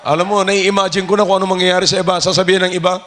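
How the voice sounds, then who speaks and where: Fiery high-voiced preacher man. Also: little pitch movement, very fast, a little hiss or hum. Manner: shouts Bible phrases, mixes Tagalog and English. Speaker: pastor. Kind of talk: fiery sermon. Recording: old church recording.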